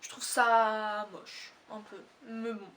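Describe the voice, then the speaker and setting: High-voiced teen girl, rambling haul chat. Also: level tone, takes it slowly, a bit bright, recorded from a distance. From Réunion. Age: teens. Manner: rambling, many fillers and self-corrections. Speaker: fashion haul vlogger. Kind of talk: casual haul video chat.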